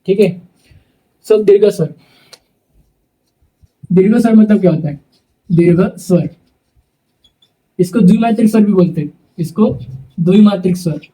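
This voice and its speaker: A young male teacher giving a lecture, dictating slowly and repeating phrases word by word so students can write them down. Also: high voice, warm tone, distant mic, low-quality recording.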